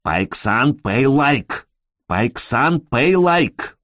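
A man reading an audiobook voicing a young woman who screams insistent demands for money in a high, shrill voice. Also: sing-song, drawn-out words, fairly bright tone, no echo, clean studio sound, exaggerated voice.

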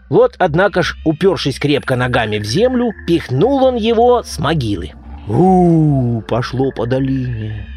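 A man narrating a classic tale in a dramatic, animated storytelling manner. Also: medium pitch. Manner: dramatic, animated delivery with vivid sound effects.

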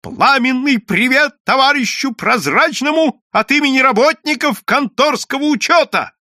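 A pushy, scheming accountant who bellows his words high and loud, as a male narrator puts him on. He sounds bright and forceful, and he keeps barking orders. The recording is close and dry. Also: wildly swooping pitch, moderate pace, breathy edge, no room sound, full character voice. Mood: brash. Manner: loud, shouting, commanding.

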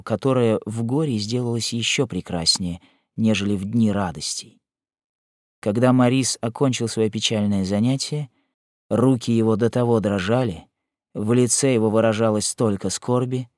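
A man's voice: lowish voice, no echo. Man reading a novel aloud, dry sound. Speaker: audiobook narrator. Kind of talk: scripted narration.

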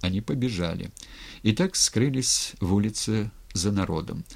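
A man reading a historical novel aloud in an expressive, dramatic way. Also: fairly low pitch, moderate pace, gravelly. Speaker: narrator. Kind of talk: audiobook reading.

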